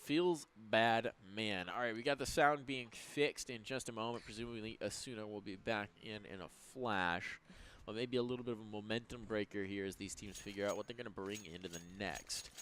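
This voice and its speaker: Energetic man casting esports play-by-play. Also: lowish voice, moderate pace, few pauses. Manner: energetic, jokey, hypes up big plays. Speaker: esports caster. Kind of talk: live play-by-play commentary.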